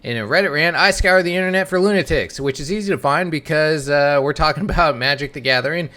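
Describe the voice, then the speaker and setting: A man's voice: a little high, fast talker, pushed and bright. A man co-hosting a casual podcast, joking and giggling as he talks. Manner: giggly, jokey. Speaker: podcast co-host.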